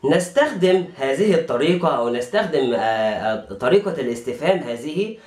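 A man with an Egyptian Arabic accent teaching French grammar to students, saying the example phrases slowly and clearly. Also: a little high, big pitch swings, a little mellow, reverberant. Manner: slow, drawn-out modelling of example phrases.

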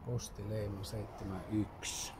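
Urban explorer, male, low voice, murmured walkthrough commentary, noisy action-cam recording. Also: little pitch movement. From Finland. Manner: low-key, terse remarks while exploring. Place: abandoned farmhouse and woods.

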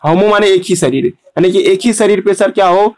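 A man teaches an online biology lesson in a rather high voice. He drills each term over and over. He tags nearly every line with a quick "है ना" and stops now and then to tidy his board. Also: a little hiss or hum. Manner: repetitive, tags lines with "है ना"; pauses to fix board writing. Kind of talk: online class lecture.

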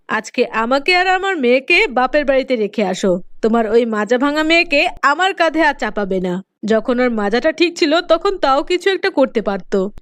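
A woman's voice: high voice, dry recording. A sneering, scolding cartoon stepmother. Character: cruel scolding stepmother, middle-aged woman. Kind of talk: cartoon voice acting.

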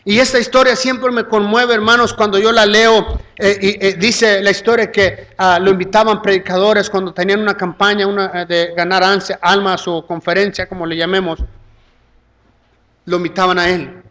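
A male pastor preaching a live church sermon, swinging between loud fervent peaks and hushed low pleading, constantly calling listeners "brother". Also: level tone, moderate pace. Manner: addresses the congregation as "hermano" constantly.

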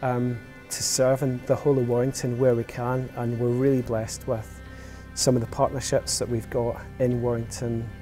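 A man's voice: medium pitch, level tone, moderate pace, hardly any pauses, warm tone, soft background music. A man from a church, talking in an easygoing way in an interview. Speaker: church member. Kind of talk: documentary interview.

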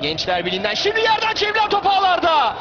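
A man's voice: very high-pitched, quick pace. Screaming male football commentator, muffled broadcast. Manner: screaming, excited, amazed. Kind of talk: live football match commentary. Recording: muffled noisy stadium broadcast, roaring crowd. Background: roaring stadium crowd.

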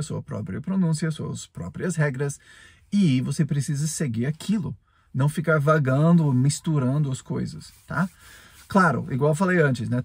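A man's voice: fairly high pitch, a little mellow, husky, no echo. A man, a native English speaker, gives an earnest, casual spoken lesson as a podcast host, chuckling often and ending points with tag questions.

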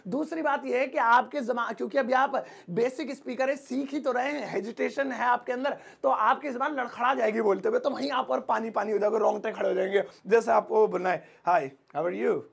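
Energetic man with a Hindi accent teaching a lesson, rough husky voice, playful and fast. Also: extremely high pitch. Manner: fast, joking, acts out sample dialogues. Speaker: English teacher. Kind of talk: energetic spoken-English lesson.

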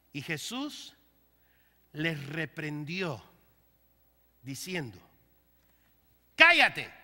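A male pastor preaching a sermon to his congregation, leading call-and-response and breaking into loud bursts. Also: sits high, long reverb tail.

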